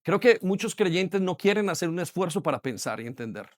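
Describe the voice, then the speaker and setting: A man in his forties preaching a sermon with an emphatic, repetitive rhythm. His voice sits notably high for a man, and the sound is close and dry with almost no room echo. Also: very animated, fairly quick. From Colombia. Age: 40s. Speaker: pastor. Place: church hall.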